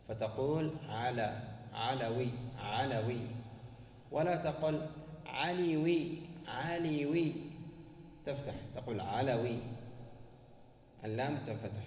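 A man's voice: mid-range voice, darkish tone, echoey room, long reverb tail, distant mic, a little hiss or hum. A man teaching a grammar lesson, asking questions and answering them himself and repeating words for emphasis. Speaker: teacher of Arabic morphology. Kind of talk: classroom lesson explaining grammar.

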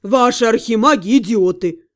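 A woman's voice: a little high, normal speed, natural voice. A woman voicing a smug, sarcastic male demon lord in an audiobook. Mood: sneering. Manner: sneering, sardonic. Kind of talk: audiobook character reading.

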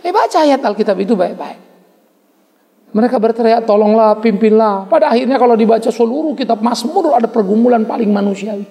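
A man preaching a sermon as a pastor, emphatic, with repeated refrains and sudden leaps in pitch. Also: animated, a little fast, warm tone, in a large hall.

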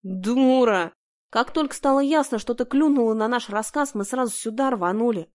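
Woman reading a hoarse, jeering bandit. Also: on the high side, fast talker, pitched above the performer's own voice, lightly acted. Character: hoarse brutal male bandit, mocking.

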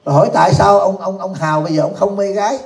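A man's voice: high voice, steady tone, very fast, creaky, darkish tone. Joking man in echoey hall. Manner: jokey, often laughing, asks the audience questions. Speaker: Buddhist teacher. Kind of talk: humorous Dharma talk. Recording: echoey room.

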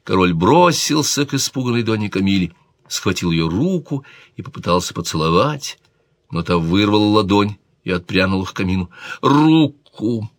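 A man narrating a historical romance audiobook in an expressive, theatrical storytelling manner. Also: deep voice, moderate pace, no echo.

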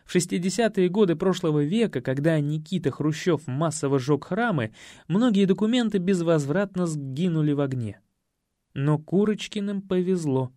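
A man's voice: on the high side, dark tone, no echo, studio quality. Man narrating a wry audiobook. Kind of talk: first-person audiobook narration.

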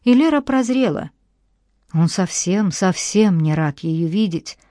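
Woman narrator, audiobook, measured storytelling, lowish voice, dry close-miked sound. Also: lively intonation, dark tone, dry recording. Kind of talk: scripted narration.

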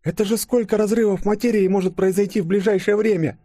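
A man voicing an eager, excitable young woman agent. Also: high voice, fast, dry recording, studio quality, voice pushed up. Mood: excited.

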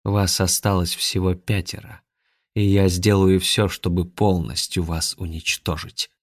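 A man voicing the vengeful last alien of its race, speaking through a boy, grim and steady. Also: deep voice, measured pace, dry recording, studio quality.

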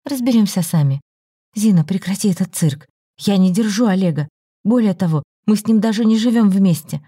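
A woman voicing a composed forty-year-old woman who speaks calmly and firmly, in a plain, matter-of-fact way. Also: medium pitch, fairly quick, breathy edge, no echo, studio quality, pitched above the performer's own voice. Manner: calm, firm, matter-of-fact. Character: calm, firm woman of forty, tired but composed.

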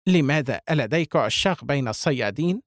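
A man's voice: on the high side, expressive, fast talker, no room sound, studio quality. A man voicing a cheeky teenage girl. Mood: biting. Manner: cheeky, biting. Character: sharp-tongued teenage girl narrator.

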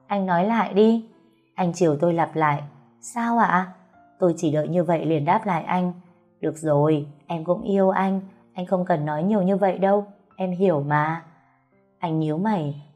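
A woman reading a first-person story aloud, softly, voicing the dialogue now and then. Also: on the low side. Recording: faint music behind.

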